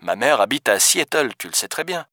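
A man's voice: mid-range voice, sing-song, fairly quick, sharp tone, no echo, clean studio sound, voice pushed up. A man reading an audiobook, voicing a panicked young female police detective who talks urgently and snaps at people. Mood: weary. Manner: urgent, desperate, snapping.

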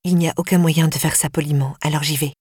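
A woman narrating a novel in the first person, with a measured, intimate delivery that slows in tense passages. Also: sits low, fairly even intonation, a little mellow, breathy edge, no echo, clean studio sound. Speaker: audiobook narrator.

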